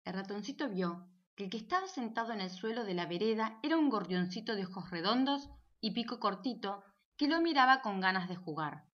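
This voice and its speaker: A woman narrating a children's storybook in an animated, playful way. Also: medium pitch, fairly quick, lo-fi sound. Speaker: audiobook narrator.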